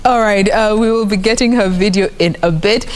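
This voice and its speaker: A Kenyan woman hosts a morning TV show, her middle-pitched voice upbeat and chatty. She slides between English and Swahili mid-sentence. Her voice rings out with a long reverb tail in the studio. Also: fairly quick. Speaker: morning TV host. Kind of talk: TV talk show hosting.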